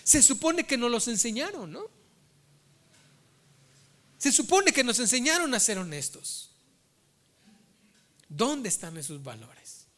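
Male preacher, bright, tense tone, storytelling sermon. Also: very high-pitched, sing-song, slow, long pauses. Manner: storytelling, addresses listeners as brothers.

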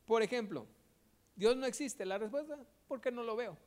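A man's voice: very high voice, moderate pace, darkish tone. A man preaching in a conversational way, asking the audience rhetorical questions.

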